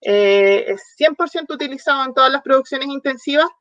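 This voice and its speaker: A woman's voice: sits high, a little fast, fairly bright tone, no room sound, highs cut off. A woman from southern Chile with a Chilean accent, a veterinarian guest answering interview questions in a friendly, explanatory way with frequent fillers. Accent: Chilean Spanish. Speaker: veterinarian product manager guest. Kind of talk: online interview.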